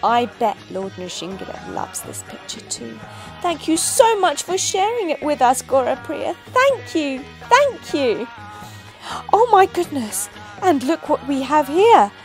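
A woman's voice: sits high, very animated, measured pace, soft background music. A woman narrating a children's story who gushes with exclamations. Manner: gushing, exclamatory.

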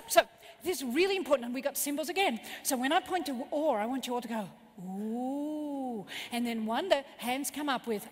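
A woman with a high, lively voice delivers a motivational keynote, swinging through playful stories and coaching the crowd. Her voice carries a long reverb from a big conference hall. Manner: animated, playful, storytelling. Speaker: motivational speaker. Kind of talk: keynote speech to a live audience. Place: large conference venue.

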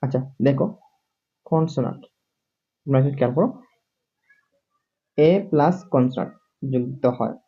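A man's voice: medium pitch, moderate pace, long pauses, breathy edge. Repetitive man teaching English words. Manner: repetitive, drills words over and over; keeps asking "see?" to the viewer. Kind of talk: classroom-style video lesson. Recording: dull lo-fi recording.

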